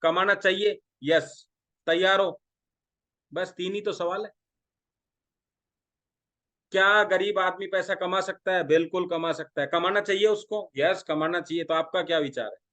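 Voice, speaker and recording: A man's voice: high-pitched, fairly even intonation, unhurried, pauses often, pushed and bright. A middle-aged man from India giving a sales training talk, who acts out dialogues and keeps asking his listeners questions. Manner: talks through role-played dialogues, asking the audience questions. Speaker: direct selling trainer.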